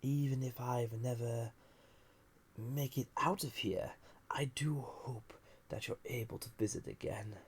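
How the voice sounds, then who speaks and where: A man with a mid-range, natural-sounding voice plays an ancient, lonely, banished villain, flirtatious and dangerous, in an intimate roleplay audio drama. His fairly even intonation stays breathy and often half-whispered, teasing with languid pauses, and he comes across as charmed and sly. There is slight background noise.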